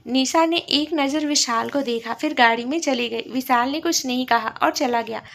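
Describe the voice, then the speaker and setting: High-voiced woman storyteller. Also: normal speed, gravelly, a bit bright. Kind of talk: reading a serialized love story.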